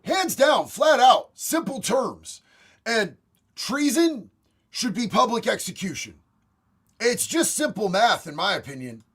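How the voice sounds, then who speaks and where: A young livestream host with a raspy voice that sits high for a man works through chat messages one by one. He's unhurried yet blunt and profane, calling people "bro" and "homie" as he talks off the cuff. His pitch swings widely, and his tone is a bit bright.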